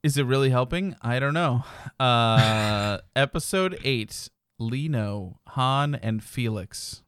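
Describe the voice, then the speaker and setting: A man talks casually on a podcast, rambling loosely with filler words and easy laughter. His voice is smooth and clear, recorded close in a dry room with no echo. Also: mid-range voice, slow pace, fairly bright tone. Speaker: podcast co-host. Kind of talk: casual chat.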